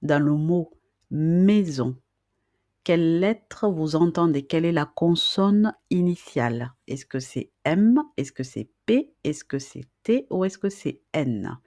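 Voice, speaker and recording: A woman's voice: deep voice, lively intonation, slow, warm tone, no echo, clean studio sound. A woman teaching beginners to read and write, speaking patiently, repeating each question and checking in with the listener. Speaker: reading and writing teacher. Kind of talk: slow, patient lesson.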